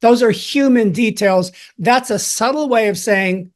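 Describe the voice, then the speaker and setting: A man's voice: high-pitched, a little slow. Enthusiastic man hosting a podcast. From Chicago, USA. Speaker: podcast host. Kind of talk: conversational interview.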